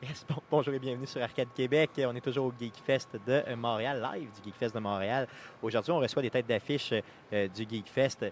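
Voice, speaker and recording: A man's voice: mid-range voice, a little fast, few pauses, a little hiss or hum. A man with a Québécois accent hosting a casual live podcast interview at a convention, chatty and friendly. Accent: Québécois French. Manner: relaxed, friendly, chatty with fillers. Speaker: podcast host. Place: busy convention floor.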